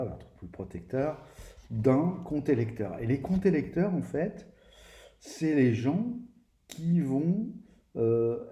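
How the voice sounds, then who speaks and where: Man, very dark mellow voice, hesitant with restarts, chatty review, roomy echoey room. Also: mid-range voice. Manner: hesitant, many restarts and fillers; addresses viewers directly. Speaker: tabletop game book reviewer. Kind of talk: casual spoken review. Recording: roomy echo, faint background noise.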